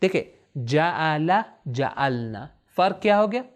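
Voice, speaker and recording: A man teaching Arabic words of the Quran in a classroom-style lesson, asking questions and answering them himself, repeating each word slowly and mixing in English terms. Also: on the high side, expressive, clear, resonant tone.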